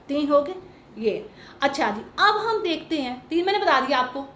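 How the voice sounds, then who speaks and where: A woman's voice: high voice, lively intonation, bright, forceful tone, reverberant, slight background noise. A woman teaching a Quran commentary class to a small group. She explains patiently, mixes in English terms, recites Arabic verses and asks the class questions.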